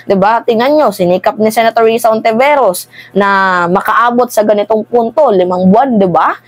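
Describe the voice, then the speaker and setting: A woman's voice: on the high side, moderate pace, no echo. A woman giving casual political commentary to her viewers. She keeps asking "di ba?" and calls her viewers "guys". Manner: conversational, animated, keeps asking "di ba?" and addressing "guys".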